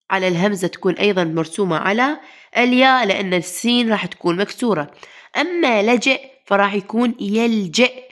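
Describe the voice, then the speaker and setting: A woman teacher with an Iraqi Arabic accent, sounding a little unwell, explains a grammar lesson in a medium-pitched, fairly bright voice. She poses questions to the class and then answers them herself, calling her pupils "mama."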